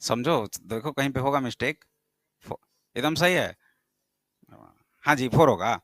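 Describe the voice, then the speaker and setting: A man's voice: mid-range voice, unhurried, fairly bright tone, no echo. A male math teacher, lecturing a classroom and firing questions at his students, sometimes scolding them.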